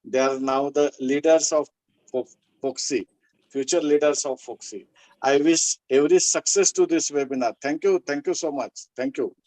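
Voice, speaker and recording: A man's voice: fairly high pitch, normal speed, darkish tone, low-quality recording. A man giving a formal well-wishing address as a dignitary at a webinar.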